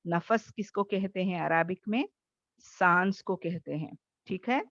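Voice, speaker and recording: A woman's voice: on the low side, measured pace, a bit bright, no echo, muffled recording. A woman teaching a Tajweed class online, explaining patiently and checking in often with her students.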